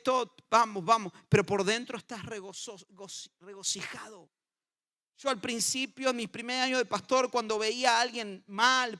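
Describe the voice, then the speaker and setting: A male pastor, preaching a sermon with passion and swinging from loud to hushed. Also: very high voice.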